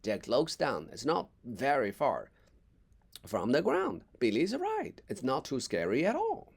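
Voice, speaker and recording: A man reading a children's story aloud as an English teacher, expressive with small slips and asides. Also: medium pitch, a little slow, creaky, breathy edge.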